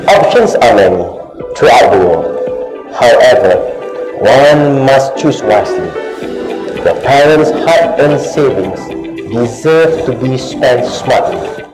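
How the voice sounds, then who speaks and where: A man delivering a scripted, formal promotional address as an education agency representative, measured and slightly stiff. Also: medium pitch. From Malaysia. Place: office setting, recorded for video. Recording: video played on speakers in an echoey hall with music.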